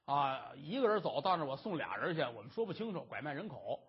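A storyteller voicing a brusque male escort officer, brisk and bossy, on a dull lo-fi recording. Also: mid-range voice, very animated, very noisy, voice pushed down.

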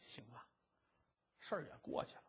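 A storyteller voicing a kind younger brother, a convict under escort, gently coaxing his brother, on a dull lo-fi recording. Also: normal speed, close to an everyday voice. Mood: gentle.

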